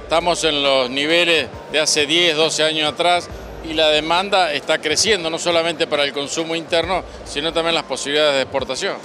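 A man's voice: a little high, steady tone, brisk, background noise. An older man with an Argentine accent, interviewing as a field reporter with a handheld microphone. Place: indoor exhibition hall at a farm show. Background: music.

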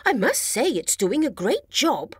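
A woman's voice: sits high, sing-song, unhurried, breathy edge, dry recording, clean studio sound, full character voice. A woman doing Stomp, a sniffly cartoon elephant. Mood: pleased. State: sniffly with a cold. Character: excitable young male elephant, Stomp.

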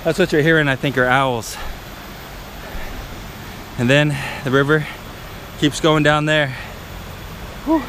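A man in his forties hosts a casual vlog, chatting to viewers as he hikes beside a river in a tropical jungle, filming on a handheld action camera. His voice is fairly high and fairly bright, with a steady tone, a slow pace and long pauses. A little hiss or hum sits under the recording.

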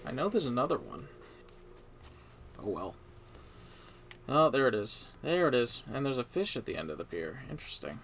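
Gravelly, sarcastic man grumbling at a game. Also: mid-range voice, big pitch swings, normal speed, long pauses, fairly bright tone, a little hiss or hum. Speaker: streamer. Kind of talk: casual gameplay commentary.

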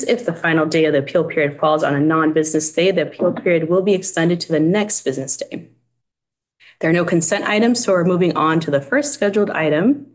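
A woman's voice: low voice, a little mellow. A woman in her thirties with an American accent, formally reading procedure as the chair of a public meeting. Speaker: zoning administrator chairing a meeting. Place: indoor meeting room at a table.

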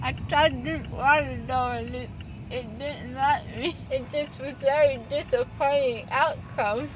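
A woman's voice: high-pitched, steady tone, a little slow, slight background noise, low-quality recording. A young woman chatting groggily and giddily after wisdom teeth removal, slurred and rambling with a numb, gauze-stuffed mouth, recorded inside a car. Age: young adult. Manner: slurred, rambling, tearfully happy speech. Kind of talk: casual chat.

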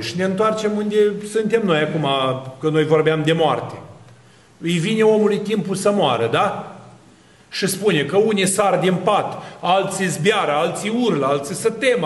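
High-voiced preacher man in an echoey room. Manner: lively preacher with rhetorical questions and long lists. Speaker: Orthodox priest. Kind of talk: sermon.

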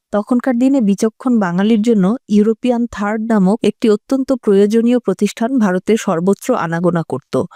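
A woman giving a scripted narration of a textbook story in a steady, even reading voice. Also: mid-range voice, no echo, clean studio sound.

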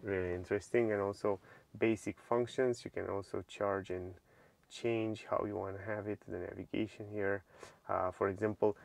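A man's voice: lowish voice, little pitch movement, normal speed, vocal fry. Eager man showing off a car screen. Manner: eager, doubles his praise words, many "uh" fillers. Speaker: car reviewer. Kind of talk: casual product walkthrough. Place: inside a car in a bright showroom.

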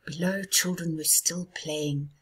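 A woman reading a children's story aloud in a soft, hushed, half-whispered way. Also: deep voice, steady tone, slow pace, husky. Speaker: storybook reader.

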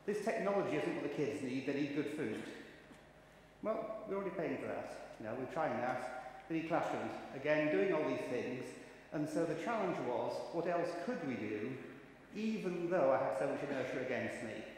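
A man in his fifties, expressive and mid-range, with a slightly dark tone and a moderate pace, shares anecdotes during his keynote. He comes across as chatty and wry. Faint ambient noise and echo fill the large conference hall.

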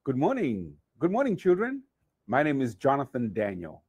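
A man's voice: medium pitch, wildly swooping pitch, normal speed, a little mellow, breathy edge. A middle-aged man from Zimbabwe presenting to children as an artist and youth leader, telling a playful story with sound effects and big swings in his voice. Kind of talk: lively storytelling lesson for children. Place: studio with painted backdrop.

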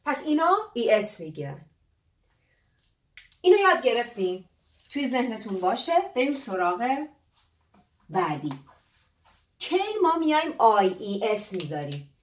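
A woman teaching an English grammar lesson, her pitch set a little high and swinging widely as she explains. She stretches out English words slowly and clearly. The sound is roomy, with echo off bare walls. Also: far from the mic. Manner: lively, drawn-out English words.

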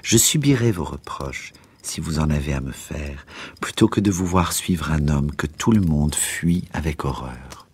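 A man reading aloud voices an anxious aristocratic mother who speaks softly and imploringly. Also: very deep voice, measured pace, husky, exaggerated voice.

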